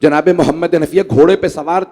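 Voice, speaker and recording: A cleric with a Pakistani Urdu accent delivers a mourning sermon to a gathered congregation in a large hall. His voice sits high for a man, and he stretches his words into a slow lament that climbs into pleading cries. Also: steady tone, mellow. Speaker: Shia cleric reciting a majlis. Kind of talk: Muharram majlis sermon with mournful recitation.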